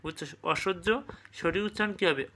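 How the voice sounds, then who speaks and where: A man teaching an exam revision class, repeating each word slowly and checking with quick questions. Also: high-pitched, background noise.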